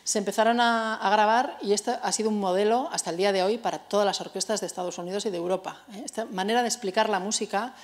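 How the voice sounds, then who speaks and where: A woman's voice: mid-range voice, fairly even intonation, fast, few pauses. Spanish woman explaining music to an audience. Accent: Spanish from Spain. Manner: explanatory, checks in with frequent "eh?" and "no?". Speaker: music lecturer. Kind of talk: public music talk with slides. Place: cultural center hall.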